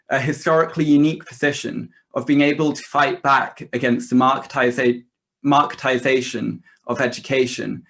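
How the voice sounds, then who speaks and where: A man's voice: mid-range voice, fairly bright tone. Young man giving a political rally speech. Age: young adult. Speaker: student activist speaker.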